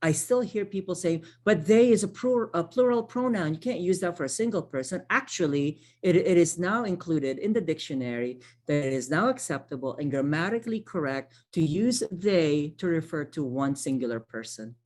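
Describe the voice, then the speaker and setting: A Filipina social worker who speaks Tagalog presents an online training workshop conversationally, often checking in with "right?" and restarting her phrases. Her voice sits low with a darkish tone and lively intonation, at a moderate pace with few pauses.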